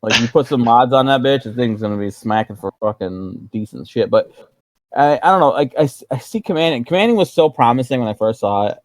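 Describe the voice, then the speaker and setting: A man's voice: mid-range voice, animated, fairly quick, no room sound. A man co-hosting a casual gaming chat, grumbling and rambling with plenty of profanity.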